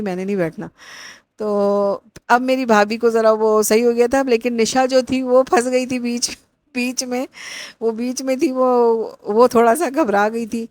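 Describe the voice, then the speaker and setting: A woman's voice: a little high, a little mellow, no room sound. A middle-aged woman narrating a family outing in a casual, rambling vlog with many fillers. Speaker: vlogger.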